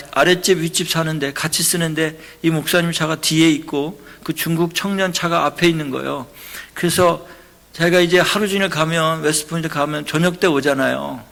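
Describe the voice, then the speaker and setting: A middle-aged man from Korea, a pastor, preaching a sermon into a church microphone, telling stories and then building to loud preaching. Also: fairly high pitch, gravelly.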